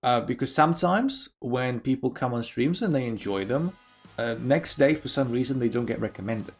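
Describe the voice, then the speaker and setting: A man's voice: medium pitch, animated, moderate pace, breathy edge, faint music behind. A young man from Belarus streaming chess from home, chatting casually and answering his viewers' messages aloud. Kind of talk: casual live-stream chat.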